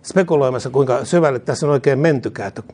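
The speaker is a male preacher whose mid-range voice is a little mellow and has a breathy edge. Earnest throughout, he leads a call-and-response prayer, phrase by phrase, during his sermon.

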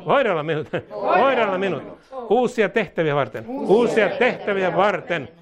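A high-pitched, very animated preacher declares against demons and fear in a charismatic church sermon, with crowd noise around him. Speaking in tongues, he calls out lines for the congregation to repeat and guides them through a line-by-line prayer.

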